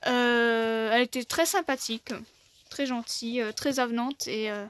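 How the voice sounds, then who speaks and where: A woman's voice: on the high side, steady tone, normal speed, a little hiss or hum. A young woman casually showing her manga collection, chatting with many fillers and small laughs.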